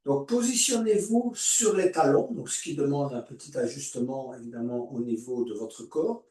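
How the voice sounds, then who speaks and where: A man guiding a yoga class, giving calm, drawn-out cues for breathing and movement. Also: medium pitch. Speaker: yoga teacher. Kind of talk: guided yoga class instruction. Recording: echoey room, voice far from mic.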